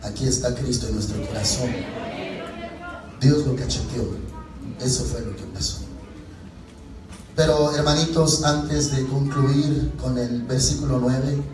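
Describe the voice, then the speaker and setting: A man with a Mexican Spanish accent preaching a sermon, impassioned, repeating phrases and climbing to near shouts. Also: mid-range voice, steady tone, a little slow, long pauses, a little hiss or hum. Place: church sanctuary. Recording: very echoey church hall from far off, faint music.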